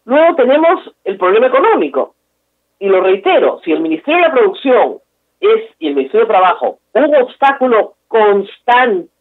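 A woman's voice: fairly high pitch, husky. A woman from Peru hosting a political talk show, giving emphatic, opinionated commentary and repeating key words for stress. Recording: tinny phone line.

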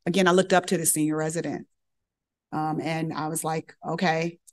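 A middle-aged woman physician giving a lecture as a lively, colloquial personal story, acting out the voices she quotes. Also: deep voice, moderate pace.

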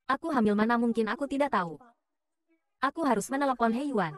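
A woman's voice: on the high side, fast talker. A woman dubbing a short drama, voicing all the roles in her own everyday voice. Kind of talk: dubbed short drama dialogue.

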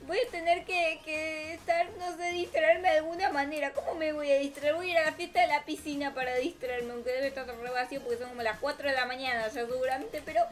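With a high voice, fairly even intonation, and a slightly fast pace with few pauses, an Argentine-accented gaming host improvises theatrical role-play commentary over gameplay. She's melodramatic, chatting to viewers and herself, and there is music in the background.

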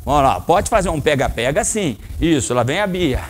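A man's voice: fairly high pitch, normal speed. A middle-aged man with a Brazilian Portuguese accent teaching a children's karate class in a training hall, calling out commands and explaining techniques. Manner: lively, coaching commands to children. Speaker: karate instructor.

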